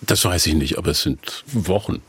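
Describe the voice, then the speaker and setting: A man, a voice-over artist and radio guest, tells stories lively and acts out the people in them. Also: low voice, moderate pace, breathy edge, no room sound. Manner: animated storytelling, acting out quoted people. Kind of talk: radio interview anecdotes.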